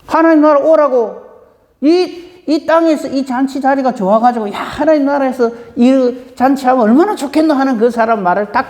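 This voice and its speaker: A woman's voice: high voice, moderate pace, big-room sound. A woman pastor preaching a dawn service sermon, asking the congregation one rhetorical question after another. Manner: lively, asks the congregation many rhetorical questions.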